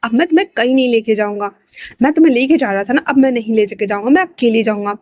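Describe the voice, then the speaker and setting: A woman's voice: fairly high pitch, fast, darkish tone, dry recording, lo-fi sound, natural voice. A woman voicing an irritated, bossy older brother in a read-aloud fan story. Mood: annoyed. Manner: annoyed, snappy.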